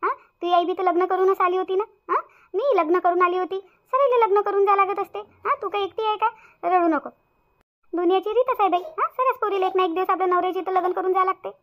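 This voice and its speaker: [name], a woman doing a squeaky village busybody. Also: fairly quick, muffled recording. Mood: consoling. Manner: chattering, repetitive scolding-consoling. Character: chatty middle-aged village woman, bossy and consoling. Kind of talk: cartoon voice acting.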